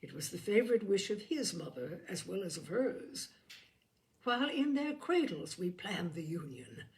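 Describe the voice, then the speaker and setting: A woman's voice: medium pitch, very animated, normal speed, close to an everyday voice. A woman voicing a haughty, indignant older aristocratic lady in an audiobook of a classic novel, with emphatic, commanding delivery. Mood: imperious, angry.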